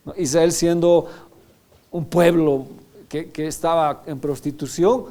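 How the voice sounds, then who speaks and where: Pastor preaching in a mellow voice. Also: male voice, on the high side, fairly even intonation, slow. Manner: teaching, often checking in with "¿ya?". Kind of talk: sermon.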